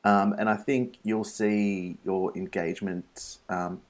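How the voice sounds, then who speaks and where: Co-host role: Australian-accented male, lowish voice, tongue-in-cheek, casual podcast banter. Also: little pitch movement, slow pace.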